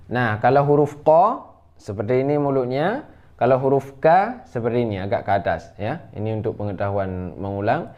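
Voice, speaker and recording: Indonesian man, tajwid teacher, unhurried demonstrating delivery, dull lo-fi sound. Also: medium pitch. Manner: slow, patient, drawls sounds and recites in a raised chanting voice. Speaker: Quran recitation teacher. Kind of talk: tajwid lesson on letter articulation.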